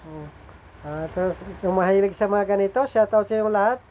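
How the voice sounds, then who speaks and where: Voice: medium pitch, brisk, darkish tone, a little hiss or hum. Chatty middle-aged vlogger, slightly nasal. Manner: chatty, keeps asking the viewers for agreement. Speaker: food vlogger. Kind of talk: casual eating and cooking vlog.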